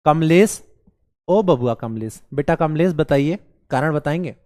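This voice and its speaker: सर्दी से बैठे गले और खांसी वाला एक पुरुष शिक्षक, बिहारी लहजे में ऑनलाइन क्लास लेता है, बच्चों को मज़ाकिया ढंग से मनाता और सवाल बार-बार दोहराता है।. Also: male voice, a little high, animated, unhurried, dark tone. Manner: playful, coaxing, repeats questions to the class. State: hoarse with a cold, coughing. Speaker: teacher. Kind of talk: live online class.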